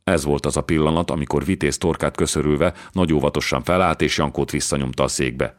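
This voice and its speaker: A man narrating a historical novel as an audiobook in a measured, even way. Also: extremely low pitch.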